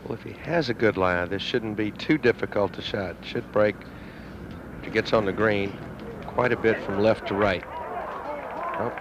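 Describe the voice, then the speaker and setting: A man's voice: fairly low pitch, normal speed, pauses often. A man giving informal, reflective golf commentary as an analyst on an old television broadcast. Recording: dull, noisy vintage TV broadcast.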